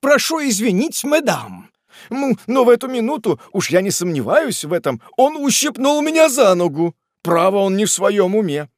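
Man doing a fussy polite old gent, excitable, high-pitched, swooping voice, dry recording. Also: moderate pace, husky, no room sound, full character voice. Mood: alarmed. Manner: excitable, flustered, polite exclamations. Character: cheerful, fussy elderly English gentleman.

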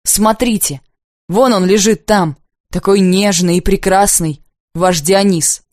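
A woman reading the lines of a proud, bitter unmarried woman in an audiobook, intense and accusing, often slow and heavy. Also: medium pitch, darkish tone, dry recording, clean studio sound, lightly acted. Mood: furious.

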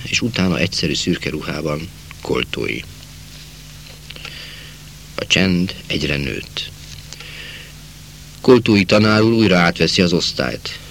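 A man narrating a literary novel in a measured reading voice, slowing down for quiet passages. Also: deep voice, slight background noise. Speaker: audiobook narrator.

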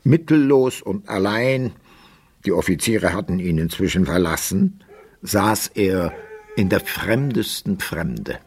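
A man's voice: sits low, lively intonation, slow, a little mellow. A man narrating a German literary radio play as a scripted storyteller.

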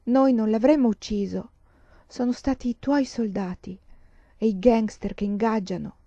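A woman voicing an exhausted, bitter young female revolutionary, hoarse with fatigue and accusing, on a dull lo-fi recording. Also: fairly high pitch, fairly even intonation, normal speed, mellow, dry recording.

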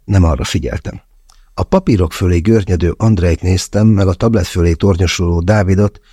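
A man's voice: deep voice, warm tone, husky, no room sound, clean studio sound. A man narrating a novel in the first person as an audiobook, in a wry storytelling manner.

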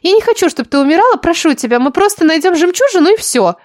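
Audiobook figure: sugary, scheming young woman, high and insistent, read by a woman. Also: very animated, quick pace. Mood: pleading eager.

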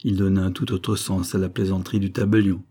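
A man narrating a novel as an audiobook, in a measured, expressive way. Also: deep voice, breathy edge. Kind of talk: novel reading.

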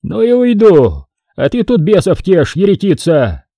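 A man voicing a cowardly, lazy young cleric who speaks gruffly and haughtily. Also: high-pitched, wildly swooping pitch, unhurried, warm tone, no echo, muffled recording, pitched above the performer's own voice, heavily acted. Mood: gruff haughty. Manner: gruff and puffed-up.

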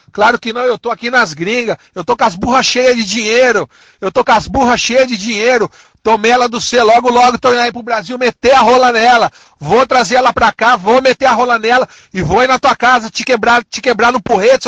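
A man's voice: extremely high pitch, a bit bright, no room sound. A man with a São Paulo accent delivering an angry, insulting, threatening rant full of repeated threats. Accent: São Paulo Portuguese. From São Paulo, Brazil. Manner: aggressive, insulting, repetitive, drawn-out threats.

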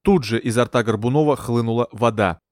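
Male audiobook narrator, measured first-person reading, mid pitch. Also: darkish tone, dry recording, clean studio sound. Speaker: audiobook reader.

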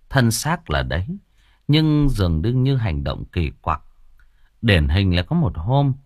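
Husky-voiced man telling a dramatic tale. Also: on the low side, no echo, clean studio sound. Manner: dramatic, expressive storytelling. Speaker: storyteller. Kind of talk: audio story narration.

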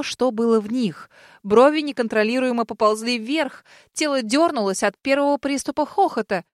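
Woman narrator, audiobook, first-person, lively, high voice, dry close sound. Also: no room sound.

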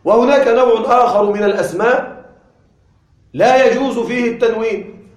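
A man teaching an Arabic grammar lesson, patiently repeating examples slowly and asking and answering his own questions. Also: extremely high pitch, reverberant.

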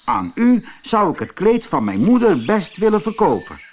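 Casting: man doing a simple, blunt boy, loud and eager, high and lively. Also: normal speed, a little hiss or hum. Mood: earnest.

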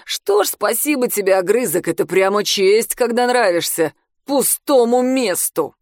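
A woman voicing a drunk, crude, boastful high-school heartthrob boy in a storybook reading, loud and drawn-out. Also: lively intonation, no room sound, studio quality, natural voice. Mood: taunting.

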